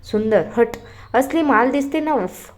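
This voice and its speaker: A woman's voice: fairly high pitch, unhurried, voice pushed up, natural voice. A woman reading as a teasing young man.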